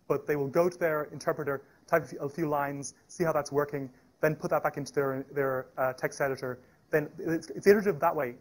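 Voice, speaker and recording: A man giving a live technical presentation at a meetup, talking fast with frequent restarts and fillers. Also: on the high side. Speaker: tech meetup speaker. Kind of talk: live technical talk with demo. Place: meetup room.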